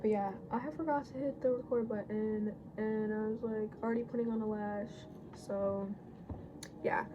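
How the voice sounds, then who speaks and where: A teenage girl in a casual get-ready-with-me chat, rambling and correcting herself as she goes, her voice a little hoarse, recorded on a phone. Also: mid-range voice, steady tone, moderate pace, muffled recording, background noise. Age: late teens. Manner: rambling, chatty, self-correcting. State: slightly hoarse. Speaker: beauty vlogger. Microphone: phone camera.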